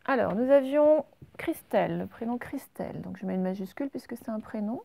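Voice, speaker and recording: A French-accented woman teaching a recorded spelling lesson to young children, patient and clear, drawing out each example word. Her voice sits a little high and sounds close and dry, with no room around it. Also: lively intonation, warm tone, no echo. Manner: patient, slow and clear, stretching out example words. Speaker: primary school teacher.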